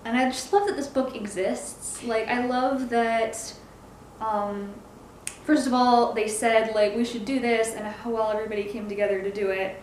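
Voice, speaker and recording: A woman's voice: a little high, steady tone, normal speed. A woman giving a casual review in a hesitant way, groping for words and correcting herself as she goes. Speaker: comic book reviewer. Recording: echoey room, faint background noise.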